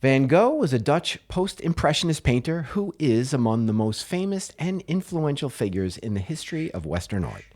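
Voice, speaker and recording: Presenting a history tale on a comedy podcast he co-hosts, this American man sounds very animated, moving at a moderate pace with hardly any pauses. His mid-range voice has a slight mellowness, and he hams it up with playful, jokey asides.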